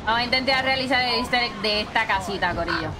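A crowd can be heard behind a woman whose fairly high voice moves at a quick pace. She's streaming a game, teasing her teammates and viewers in a chatty way and calling them "corillo" and "bebesote" during casual livestream chat.

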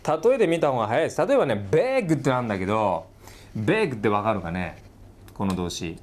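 A middle-aged man giving a casual recorded lecture as a teacher, often checking in with the student and slowly sounding words out again and again. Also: medium pitch, sing-song. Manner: sounds words out slowly, stretching and repeating them. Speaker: English teacher.

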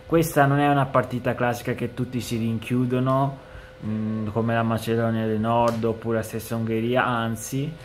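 A man giving a casual football match analysis, speaking haltingly and hesitantly with long pauses. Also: medium pitch, level tone. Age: 20s. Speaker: amateur football commentator. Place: indoors, room with bookshelves. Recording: clear background noise.

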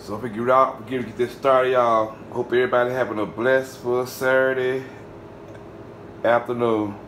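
His mid-range voice keeps a moderate pace over slight background noise as he cooks in his home kitchen. He's a cooking channel host from the American South, relaxed and talkative, speaking right to his viewers with a friendly "y'all."

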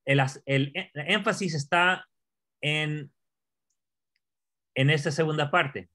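Man, tutor, slow, fairly high voice, repeats words, asks questions. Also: bright, forceful tone. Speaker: Hebrew teacher. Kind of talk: patient classroom explanation.

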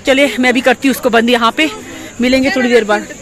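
A woman's voice: on the high side, steady tone, quick pace. A woman walking through an outdoor market and vlogging on a handheld phone. She talks casually, repeats herself and corrects herself as she goes. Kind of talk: walking market tour vlog. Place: busy outdoor hill-town market. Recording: crowd noise from a busy street. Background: crowd chatter.

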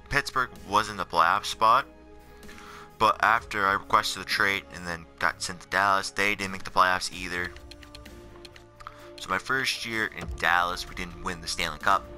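Low in pitch, steady in tone, and sharp, this voice moves at normal speed. It belongs to a tired seventeen-year-old up in the middle of the night, rambling casually about his career mode over menu footage while music plays.

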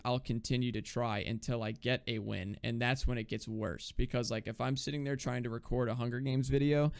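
Gravelly young man chatting casually. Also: medium pitch. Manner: rambling, self-deprecating, laughs often. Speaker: podcast co-host. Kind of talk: casual chat.

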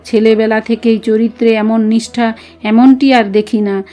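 A woman's voice: a little high, little pitch movement, measured pace, warm tone, close to an everyday voice. A woman reading as a tender elderly guru.

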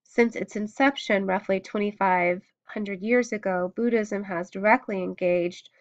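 A woman's voice: medium pitch, steady tone, a little slow. A woman lecturing on art history in a recorded class, hesitating often with many ums and restarts. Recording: dull lo-fi recording.

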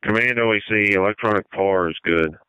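A forceful, bright-toned man with a lowish voice speaks a little fast, smooth and echo-free. Commanding a fire incident over two-way radio, he issues short, directive orders through a dull, band-limited fire channel.

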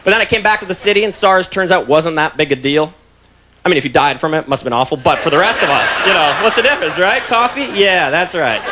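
A young man doing a loud, mocking stand-up comedy set on a stage mic. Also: fairly high pitch, animated, fast, a little hiss or hum. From Canada. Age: young adult. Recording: live club with loud crowd laughter.

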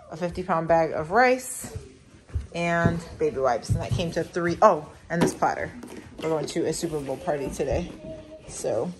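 Mom in her 30s going over groceries, low voice, noisy home audio. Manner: lists items slowly with frequent ums. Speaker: vlogger, mother of a large family. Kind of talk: casual grocery haul narration. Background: kids in the background.

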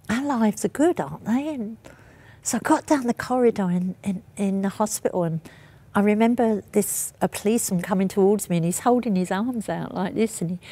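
A woman's voice: mid-range voice, mellow. A woman, a bereaved mother, giving an earnest, emotional personal account in an interview, her words tumbling out with restarts.

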